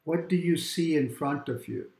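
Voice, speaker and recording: A man guiding a calm grounding meditation exercise, giving gentle, unhurried instructions with long pauses between phrases. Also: fairly high pitch, creaky, echoey room. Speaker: meditation guide. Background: quiet background music.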